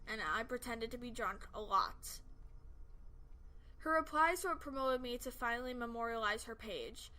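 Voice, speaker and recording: Bright, higher-pitched woman narrating horror. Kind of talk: scripted first-person horror story narration.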